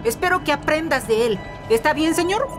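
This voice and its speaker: A woman voicing a sensible, peacemaking young dog in an animated parody. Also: high-pitched, normal speed. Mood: reasoning. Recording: loud music behind.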